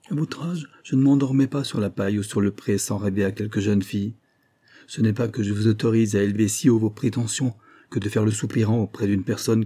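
A man's voice: medium pitch, dark tone, breathy edge, lightly acted. A man reading an audiobook, voicing a boastful, fawning old army major with a blustering manner. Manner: blustering, eager to please.

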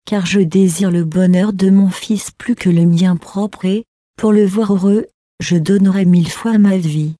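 A woman's voice: mid-range voice, fairly even intonation, measured pace, dark tone, dry recording, clean studio sound, close to an everyday voice. A woman reading the part of a grieving desert mother, in an earnest, declamatory way. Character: grieving desert mother, proud then softening.

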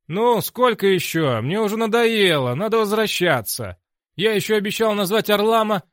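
A man's voice: medium pitch, fairly even intonation, moderate pace, a little mellow, dry recording, studio quality, close to an everyday voice. A man voicing a small sardonic male demon that perches on the hero's shoulder, talking urgently. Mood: impatient.

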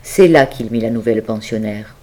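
A woman narrating a classic tale as an audiobook reader, expressive and talking straight to the listener. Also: very deep voice, normal speed. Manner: expressive, addresses the listener directly. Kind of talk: storytelling narration.

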